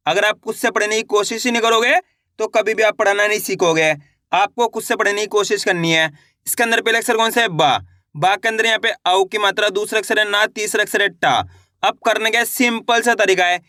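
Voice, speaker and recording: A man teaching beginners to read Hindi, stretching each word out slowly and saying it twice, then checking whether students follow. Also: high-pitched, bright, forceful tone, no echo, studio quality. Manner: coaxing, repeats "clear so far?". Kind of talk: online reading lesson.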